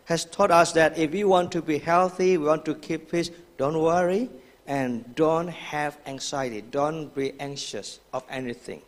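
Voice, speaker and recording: A man preaching a sermon in halting English, pausing line by line for an interpreter. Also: fairly high pitch, big-room sound. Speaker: pastor. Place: church hall.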